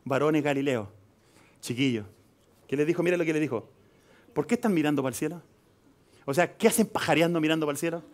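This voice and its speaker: Chilean pastor preaching loud and soft. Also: male voice, fairly high pitch, fast talker, long pauses. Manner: swings from soft asides to loud emphatic preaching. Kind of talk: live sermon. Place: church hall.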